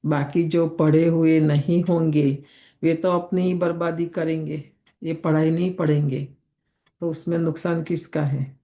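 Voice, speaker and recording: A woman's voice: low-pitched, level tone, a little slow, warm tone. A woman teaching a daily spiritual lesson in a conversational way, often checking in with her listeners. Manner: conversational, keeps asking listeners "isn't it?".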